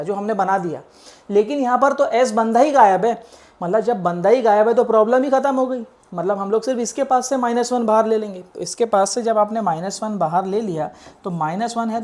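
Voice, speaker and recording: A man's voice: sits high, darkish tone. A man teaching engineering maths, explaining worked problems step by step. He mixes English math terms into his talk and keeps checking that students follow.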